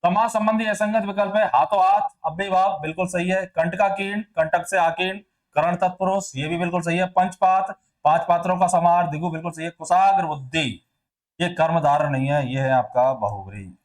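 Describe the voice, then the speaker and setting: In this exam answer walkthrough, a man teaches briskly in a high voice with fairly even intonation. He raises questions and supplies the answers himself, repeating sounds and words to show how they should be said.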